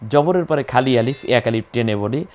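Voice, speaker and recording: A man's voice: mid-range voice, lively intonation, normal speed, darkish tone. A man teaching Quran recitation, patiently spelling out and repeating each letter and sound in a methodical lesson.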